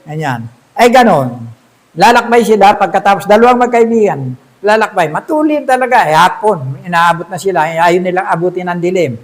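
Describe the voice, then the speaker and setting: A man's voice: sits high, animated, brisk, rough recording. A man preaching a sermon in a storytelling way, often asking the congregation rhetorical questions.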